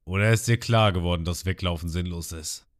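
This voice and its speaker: A man's voice: low voice, a little fast, dry recording, clean studio sound, close to an everyday voice. A man voicing a menacing shark-man pirate boss who boasts smugly. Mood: gloating. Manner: smug, threatening boasts.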